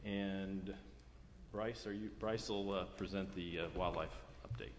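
An American man chairing a formal public meeting in a measured, procedural way. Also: sits low, fairly even intonation. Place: large echoey indoor meeting room. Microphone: meeting microphone. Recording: echoey meeting room, clear background noise.

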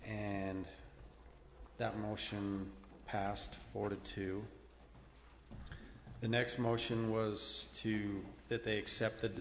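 An American man giving a halting, matter-of-fact report to a public meeting. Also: on the low side. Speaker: council member giving a board update. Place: large echoey indoor meeting room. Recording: echoey meeting room, background noise.

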